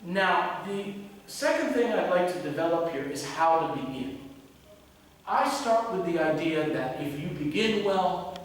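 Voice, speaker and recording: Animated male teacher in an echoey room. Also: fairly high pitch. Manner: animated, direct, exaggerates intonation when demonstrating. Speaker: test prep teacher. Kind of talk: teaching lesson to camera. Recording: echoey room from a distant mic with faint noise.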